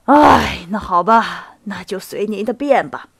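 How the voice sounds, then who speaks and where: A woman reading the lines of a stern older cavalry captain, deliberate and reproachful. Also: medium pitch, animated, gravelly, slightly rough, no echo, studio quality, voice pushed down, heavily acted. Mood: firm.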